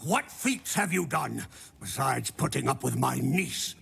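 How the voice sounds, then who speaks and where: An actor voicing a pompous, bad-tempered rich old lord in an animated film dub, barking orders. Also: mid-range voice, unhurried, vocal fry, a little hiss or hum, heavily acted. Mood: imperious.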